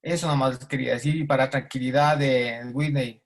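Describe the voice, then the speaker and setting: A man's voice: mid-range voice, steady tone, moderate pace. A man telling a personal anecdote during a panel discussion, acting out the voices of the people in it. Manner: anecdotal, acts out quoted voices. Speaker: audience participant.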